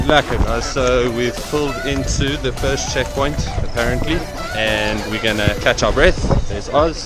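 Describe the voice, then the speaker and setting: A man's voice: mid-range voice, a little slow. A man with a broad South African accent talking casually to his vlog, laid-back, upbeat and slangy, outdoors on a bike ride. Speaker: cycling vlogger. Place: outdoors on country roads, riding a bike. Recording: loud music over outdoor vehicle noise.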